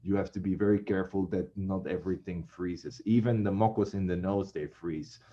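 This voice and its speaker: Chatty teacher guy, lowish voice, muffled lo-fi sound. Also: fairly even intonation, normal speed, mellow, a little hiss or hum. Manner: chatty, addresses students as guys. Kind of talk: classroom lecture.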